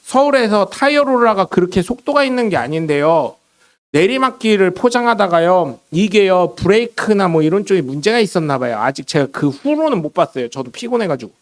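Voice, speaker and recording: A middle-aged man preaching a sermon in a church, telling stories with lively swings between loud bursts and quiet asides. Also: high-pitched, a little fast. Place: church sanctuary.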